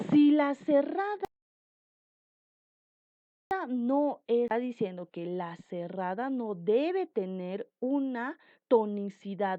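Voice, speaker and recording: A woman teaching a grammar lesson, explaining slowly and emphatically with repeated examples. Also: medium pitch, dry recording, phone-quality sound.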